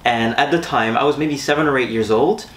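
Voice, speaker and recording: A young man from Switzerland, a guest musician and producer, telling his story in a relaxed, reflective way in a music studio. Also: medium pitch, a little fast, recorded from a distance. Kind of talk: casual interview. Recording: roomy, off-mic with faint noise.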